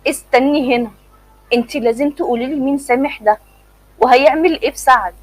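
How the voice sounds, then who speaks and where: A woman's voice: sits high, fast talker, low-quality recording. A woman voicing a dazed older mother-in-law, confused and urgent.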